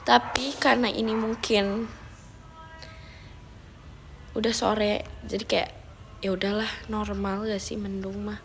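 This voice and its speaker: Gravelly-voiced young woman chatting slowly. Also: mid-range voice, flat delivery, faint music behind. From Indonesia. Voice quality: gravelly, dark-sounding voice. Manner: chatty, playful, drags out words. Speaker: idol livestreamer. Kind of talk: casual livestream chat. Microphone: phone livestream mic.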